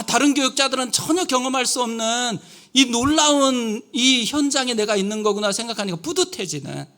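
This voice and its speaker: Male guest pastor, high bright voice, animated storytelling sermon. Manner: storytelling, vivid and animated, asks the congregation questions. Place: church sanctuary.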